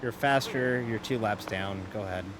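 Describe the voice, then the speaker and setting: Over background noise, a man with a lowish voice chats casually on a live stream while sim racing. He rambles between driving calls, often restarting sentences, interrupting himself and laughing readily.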